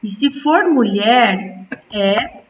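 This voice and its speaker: Woman teacher, slow and patient, raspy edge, dull distant recording. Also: on the high side, a bit bright, slight background noise. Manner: slow, patient, drawing words out syllable by syllable. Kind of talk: recorded remote school lesson.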